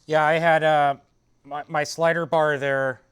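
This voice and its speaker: A man's voice: a little high, flat delivery, a little slow, clean tone. A man streaming a video game, chatting loosely with viewers and explaining a puzzle with many fillers. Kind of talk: casual let's-play commentary.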